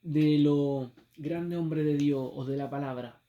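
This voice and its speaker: A man's voice: fairly high pitch, steady tone, slow, phone-quality sound. A man with a Chilean accent preaching a sermon, telling a story with acted exclamations and rhetorical questions.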